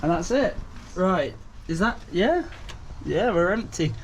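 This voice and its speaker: Jokey lad, a touch high, on-camera vlog host; noisy location sound. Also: male voice, expressive. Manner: jokey, laughing, quick banter. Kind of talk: casual chat while shopping and working on a car.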